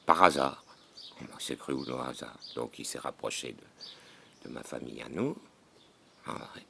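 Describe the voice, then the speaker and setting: A man's voice: very deep voice, measured pace, vocal fry, sharp tone, a little hiss or hum. A man from France in casual chat with a slightly worn-out voice, folksy and talkative. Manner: chatty, folksy, keeps saying "mon gars". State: voice a bit worn out. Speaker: vlogger.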